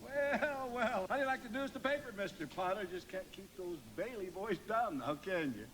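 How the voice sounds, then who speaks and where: An actor playing a muddled, hapless old uncle in a radio play, stammering and repeating himself over faint hiss. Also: male voice, sits high, lively intonation, normal speed, a bit bright. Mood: gleeful, taunting. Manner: flustered, stammering, repetitive. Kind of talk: live radio play acting.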